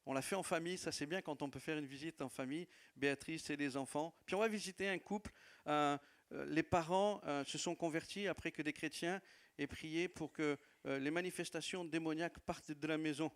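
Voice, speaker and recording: This man's voice is on the high side, fairly quick, and fairly even in intonation. He preaches in a church hall with a non-native French accent, offering a sermon testimony of warm stories about his church, punctuated by laughs and repeated phrases.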